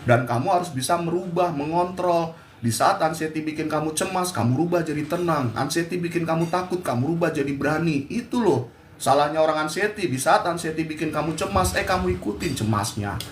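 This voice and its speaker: A man's voice: a little high, brisk, roomy sound, slight background noise. Blunt man giving a pep talk. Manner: blunt, scolding and exhorting. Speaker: anxiety motivational speaker. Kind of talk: motivational talk to viewers.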